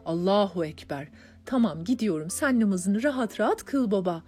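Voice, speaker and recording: A cheerful teenage girl, upbeat and a bit louder than the narration, played by a woman narrator. Faint music hums under the storybook. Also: medium pitch, lively intonation, moderate pace, husky.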